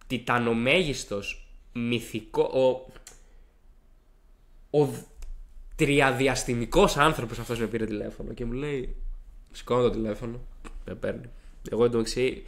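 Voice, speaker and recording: A young man with a hoarse, gravelly voice, co-hosting a podcast and telling a rambling story with lots of restarts. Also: mid-range voice, long pauses. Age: young adult. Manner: animated, rambling, frequent restarts and acted-out quotes. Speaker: podcast co-host. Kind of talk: casual storytelling chat.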